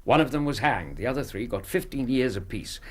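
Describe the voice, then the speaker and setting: Guy playing loyal english doctor sidekick in a radio play, courteous, earnest, lively melodic delivery. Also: medium pitch, natural voice. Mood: earnest, reporting. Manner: courteous, measured, willing. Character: earnest, loyal gentleman doctor, detective's companion. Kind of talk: BBC radio drama acting.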